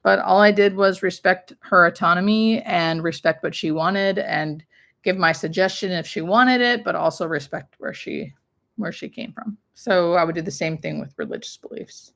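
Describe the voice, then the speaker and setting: A woman's voice: fairly low pitch, normal speed, creaky, fairly bright tone. Female hospice nurse, live-stream host, informal conversational delivery with plain explanations. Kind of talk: casual live-stream chat answering viewer questions.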